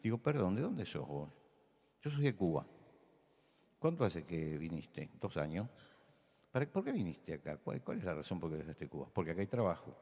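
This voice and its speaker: Older Argentine pastor with deep voice. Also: male voice, sing-song, moderate pace, darkish tone, slightly rough, in a large hall. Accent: Rioplatense Spanish. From Buenos Aires, Argentina. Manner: storytelling, conversational, rising to emphatic. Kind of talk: sermon. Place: large church hall.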